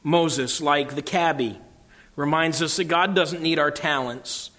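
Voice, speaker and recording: A man's voice: fairly high pitch, a little slow, sharp tone. A man preaching a sermon, earnest and emphatic, who also reads a storybook aloud.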